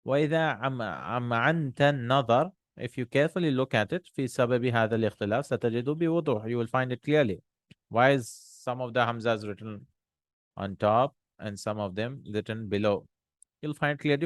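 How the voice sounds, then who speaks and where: Reading Arabic lines at speed, a male teacher then slows down to translate and explain them, pausing and restarting often as he follows the textbook. He has a mid-range voice, and the recording carries no echo.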